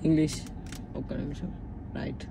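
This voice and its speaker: Man, teasing sidekick, rapid banter, noisy background. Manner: joking, teasing. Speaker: co-host friend. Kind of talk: casual banter.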